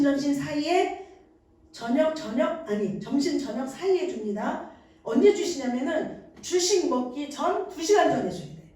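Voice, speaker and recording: High, lively woman in echoey church. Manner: warm coaxing, acts out mother's gentle words to baby. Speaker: church infant ministry teacher. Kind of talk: parenting lesson in a church service. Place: church hall. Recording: echoey room, voice from far off the mic.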